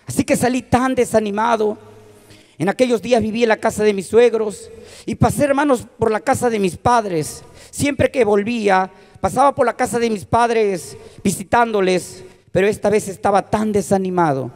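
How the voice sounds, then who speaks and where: A man's voice: sits high, normal speed, darkish tone. A man with a Peruvian Spanish accent, preaching a testimony sermon with emotional, dramatic storytelling and often addressing the congregation. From Peru. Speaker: presbyter preacher.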